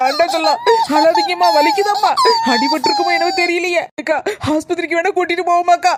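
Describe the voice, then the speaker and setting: A woman's voice: very high-pitched, animated, fast, heavy background noise. A woman voicing a fussy young mother in a cartoon, with a Tirunelveli-Kanyakumari Tamil accent, scolding and soothing the children. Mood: fretting.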